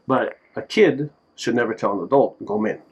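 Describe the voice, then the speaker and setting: A man giving a casual lesson on simple phrases, relaxed and joking, repeating each word so it can be drilled. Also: mid-range voice, moderate pace, slightly rough, highs cut off. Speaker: language teacher. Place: Japan.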